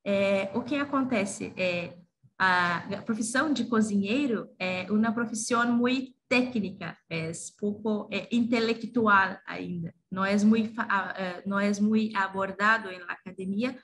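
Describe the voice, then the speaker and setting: A woman's voice: medium pitch, unhurried, a bit bright. A woman with a Brazilian accent and Portuguese as her native language gives an informal academic talk, hesitantly searching for words. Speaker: gastronomy teacher presenting her research. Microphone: computer on a video call. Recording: video call with clear background noise.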